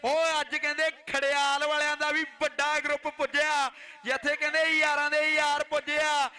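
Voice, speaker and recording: A man with a Punjabi accent calls a live kabaddi match. His voice sits extremely high and cuts through, piercing and forceful, yet stays on a flat, chant-like level as he declaims and repeats his phrases. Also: moderate pace. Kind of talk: live play-by-play sports commentary.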